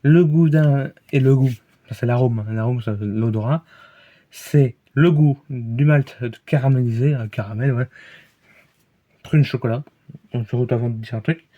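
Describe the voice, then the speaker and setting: Belgian french guy rambling about beers, lots of ums and restarts, middle pitch, kinda muffled home recording. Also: normal speed. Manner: hesitant, rambling, many fillers and restarts. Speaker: vlogger reviewing beers. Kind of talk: casual rambling review.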